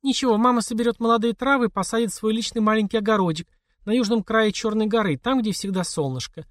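A man reading an audiobook, voicing a sharp-tongued, mocking mother in a high, lifted voice. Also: quick pace, dry recording, studio quality, lightly acted. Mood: tender. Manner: mocking, scolding. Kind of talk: audiobook character voice.

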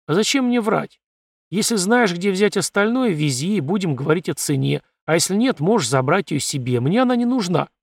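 A man voicing a calm, firm male leader of a valley who speaks bluntly. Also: sits high, fairly quick, gravelly, no echo, voice pushed up, full character voice.

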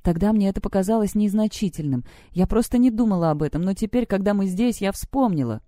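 A woman's voice: animated, fast, dark tone, no room sound, studio quality, close to an everyday voice. A woman voicing a frightened teenage schoolgirl who turns frantic and threatening. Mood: fearful. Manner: trembling, then shrill and threatening.

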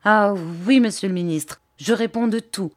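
A woman's voice: mid-range voice, normal speed, natural voice. A woman reading the part of a blustering male police prefect, giving urgent orders in raised, emphatic exclamations.

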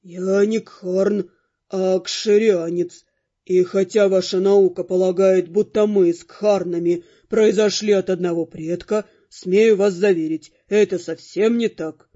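Audiobook: grumpy scaly ghost creature, deep hissing growl, slow and deliberate, put on by a woman narrator. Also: steady tone, dark tone, lightly acted. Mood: stiffly polite. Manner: growling, hissing insults, then stiffly polite. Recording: dull lo-fi with faint music.

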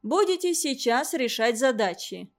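Woman putting on a harsh old tutor who shouts at pupils. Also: high voice, sing-song, measured pace, full character voice. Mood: angry scolding. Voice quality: harsh, scolding. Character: huge cruel old woman tutor, furious and shrill.

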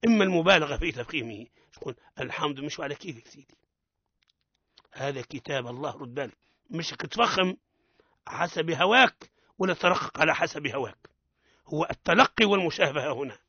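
A man with a Tunisian Arabic accent teaching Quran recitation on the radio, correcting mistakes firmly and drawing out example words slowly to show how they are said. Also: fairly high pitch, expressive, bright, forceful tone, breathy edge, dry recording. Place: radio studio. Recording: dull lo-fi radio broadcast.

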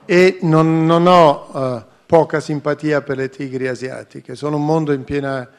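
A man who is a business executive, answering on a radio interview in a measured, thoughtful way, listing his points. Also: fairly high pitch, fairly even intonation, clean tone.

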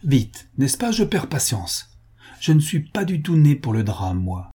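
A man voicing a fierce, scornful young countess in an audiobook, with sharp, contemptuous retorts. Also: mid-range voice, animated, normal speed, breathy edge. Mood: furious.

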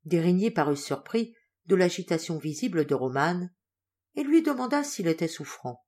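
A woman's voice: fairly low pitch, very animated, normal speed, darkish tone. A woman narrating a classic children's novel as an audiobook reader. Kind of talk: scripted narration.

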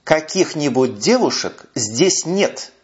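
A man's voice: fairly high pitch, very animated, takes it slowly. A man voicing a cool, ironic young auburn-haired woman who talks in a languid drawl, on a muffled recording. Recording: muffled lo-fi audio.

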